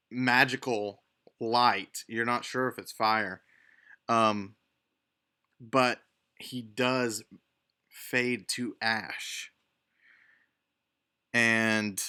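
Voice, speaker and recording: A man runs a tabletop game over a call, narrating in a bright voice. He takes his time and fills gaps with ums as he describes the scene. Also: medium pitch, clear, resonant tone. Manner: unhurried, descriptive narration with fillers. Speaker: game master.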